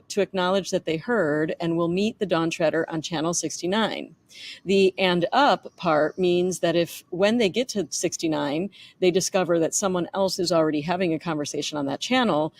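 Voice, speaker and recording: A woman reading a chapter of her own memoir aloud in a conversational way, with small asides and self-corrections. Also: fairly low pitch.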